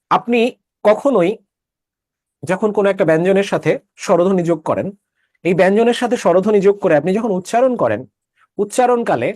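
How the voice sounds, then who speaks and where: A man with a high voice teaches a class. He explains patiently step by step and keeps asking whether students follow. The sound is close and dry. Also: a little mellow, no echo. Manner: explains step by step, checks understanding with questions. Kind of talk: online class lecture.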